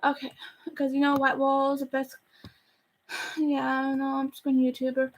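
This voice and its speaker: High-voiced chatty woman rambling fast. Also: completely flat delivery, a little hiss or hum, poor audio. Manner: chatty, rushed, self-deprecating, rambling. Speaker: YouTuber reviewing a movie. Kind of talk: casual rambling review. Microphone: camera facing her.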